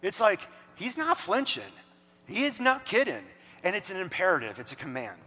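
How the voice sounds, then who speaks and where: A man delivers a conversational sermon, animated and quick to act out the people in his story. His voice sits high and sounds bright and forward, and it rings out with the long reverb of a large hall. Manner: animated, conversational preaching with acted-out dialogue. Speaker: pastor. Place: church hall.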